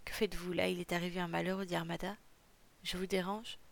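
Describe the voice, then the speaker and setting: Reader doing a crafty old widowed lord, fussy, courteous, flat delivery. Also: mid-range voice, a little fast, gravelly, natural voice. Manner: courteous, fussing.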